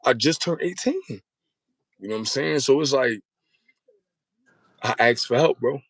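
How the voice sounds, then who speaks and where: A man's voice: medium pitch, lively intonation, measured pace, slightly rough, no echo. Man in his 30s, interview guest, slangy rambling talk, dry close sound. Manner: rambling, repeats "you know what I'm saying". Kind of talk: candid interview storytelling.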